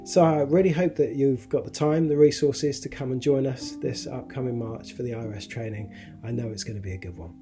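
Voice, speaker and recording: A middle-aged man and yoga teacher trainer, speaking calmly and gently to promote a training course. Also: medium pitch. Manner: calm, gentle, unhurried with soft fillers. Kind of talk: promotional talk to camera. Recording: guitar music underneath.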